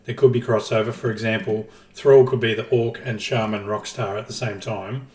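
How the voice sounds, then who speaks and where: A man's voice: fairly low pitch, steady tone, normal speed, a little mellow. A man co-hosting a casual gaming podcast, explaining his ideas at length with dry jokes. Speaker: podcast co-host. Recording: roomy, distant from the mic.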